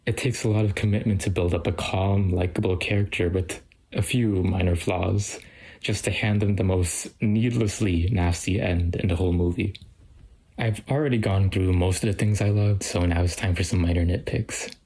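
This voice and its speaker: A man's voice: deep voice, fairly even intonation, moderate pace, a little mellow, poor audio. A young man giving a casual, self-deprecating film review read from a script.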